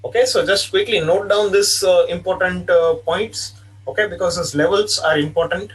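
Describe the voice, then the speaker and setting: A man delivers an online class lecture in a fairly high voice. He explains step by step, repeats points, and often says "okay". The mic sits some distance away, so he sounds distant. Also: moderate pace. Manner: repetitive, explanatory, frequent "okay" fillers.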